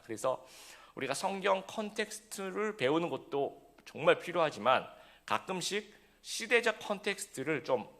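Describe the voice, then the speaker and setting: Gravelly, lively male pastor preaching. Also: a little high. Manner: conversational preaching with frequent fillers and rhetorical questions. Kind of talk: sermon.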